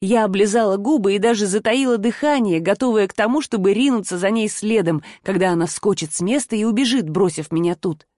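A woman narrating a first-person audiobook in an expressive voice, acting out the dialogue. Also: mid-range voice, fairly quick, few pauses, no echo, clean studio sound.

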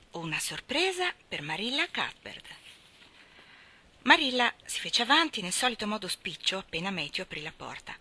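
Bright-voiced woman reading a novel aloud. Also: mid-range voice. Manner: expressive, often dropping to a hushed whisper. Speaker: audiobook reader. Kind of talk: scripted narration of a novel.

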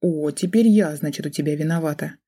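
A woman's voice: deep voice, brisk, dark tone, husky. A woman voicing a cold, scornful middle-aged mother who talks with sarcastic contempt.

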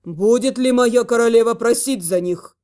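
A woman voicing a stern young king whose voice is magically amplified as he proclaims slowly and solemnly to a crowd, in an audiobook of a fantasy novel. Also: on the high side, a little mellow. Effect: voice magically amplified, carrying far over a square.

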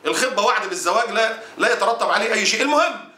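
An indignant Egyptian preacher delivers his sermon at a racing clip, his voice high and sharply bright. He scolds with fiery conviction. The room around him rings with echo. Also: rapid-fire. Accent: Egyptian Arabic. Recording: roomy echo.

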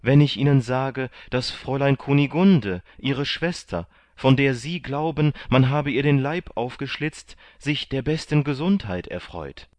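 A man's voice: lowish voice, takes it slowly, darkish tone, no echo. A man reading an audiobook voices a naive young man who exclaims in breathless, tumbling questions. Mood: eager. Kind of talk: audiobook reading of a classic novel.

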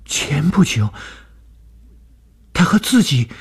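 A woman's voice: deep voice, very animated, takes it slowly, breathy edge, pitched above the performer's own voice, exaggerated voice. A man reading a story and voicing a young female student, jealous and enraged, who stammers and shrieks.

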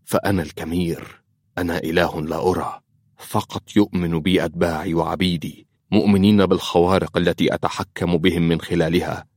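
A man speaks as a cold, menacing unseen god of fear, declaring himself with solemn weight in a very deep voice. The dry, close sound leaves no room around the words. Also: steady tone, fairly quick, darkish tone, no room sound.

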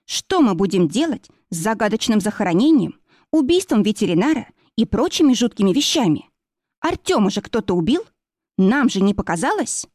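A woman's voice: medium pitch, big pitch swings, moderate pace, darkish tone, dry recording, clean studio sound. A woman reading the part of an anxious, worn-out young woman with a plaintive, tense manner.

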